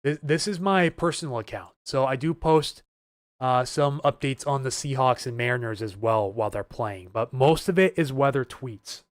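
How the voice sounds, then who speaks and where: A man's voice: mid-range voice, moderate pace, no room sound. A man hosting a live weather stream, talking casually and urgently to viewers, nervous and earnest. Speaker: weather livestream host.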